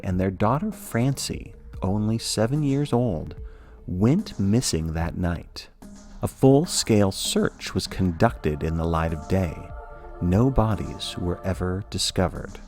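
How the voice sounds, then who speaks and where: A man with a very low voice tells a spooky story in a scripted, measured way, with a dry, wry edge. Quiet music plays softly under his narration. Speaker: podcast narrator.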